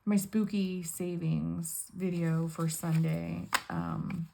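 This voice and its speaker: An older woman hosting her budgeting vlog, talking in a casual, halting way with many pauses and ums, close to tears. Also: lowish voice, little pitch movement, gravelly, background noise. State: tearful, on the edge of crying. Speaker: budgeting channel host. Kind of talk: casual personal vlog talk.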